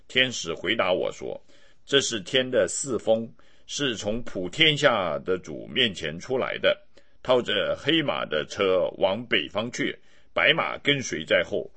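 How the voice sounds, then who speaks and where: A man giving a steady, measured scripted reading of scripture. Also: on the low side. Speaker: Bible reader.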